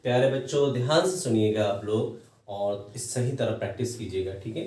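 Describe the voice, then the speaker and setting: A man's voice: lowish voice, warm tone. Patient male Quran teacher, chants the letters, distant mic in an echoey room. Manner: patient, repeats each letter in a drawn-out chant. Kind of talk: recorded lesson for children.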